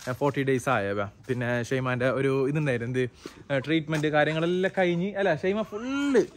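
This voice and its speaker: Fast-talking vlogger man. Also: fairly high pitch, a little hiss or hum. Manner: chatty, breaks off to call to his kids. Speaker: family vlogger. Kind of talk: casual family vlog chat. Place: at home and in the family car.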